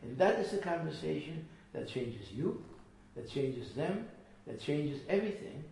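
Gravelly man lecturing in an echoey room. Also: fairly high pitch, sing-song, measured pace, a little mellow. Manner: earnest, emphatic, repeats phrases. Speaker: teacher. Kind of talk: lecturing a small group. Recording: echoey room from far off with faint noise.

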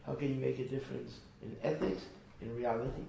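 Gravelly guy teaching, earnest, keeps repeating himself, sounds far off in a big echoey room. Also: medium pitch, fairly even intonation, a little fast, mellow, a little hiss or hum. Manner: earnest, emphatic, repeats phrases. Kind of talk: lecturing a small group.

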